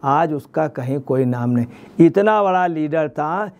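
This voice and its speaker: A man's voice: on the high side, animated, a little slow, darkish tone. A man, a senior journalist, giving emphatic political commentary in a news interview, repeating his points.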